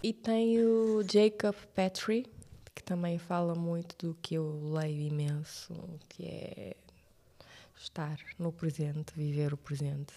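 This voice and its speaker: A young woman from Verde, speaking as a guest in a relaxed, reflective podcast interview. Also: fairly low pitch, slow. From Cape Verde. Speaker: guest, TV presenter.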